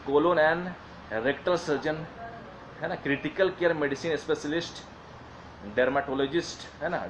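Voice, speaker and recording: A man giving earnest career advice to viewers in a casual talk, stumbling and apologizing for his English as he reads out a long list slowly. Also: on the high side, slight background noise, low-quality recording.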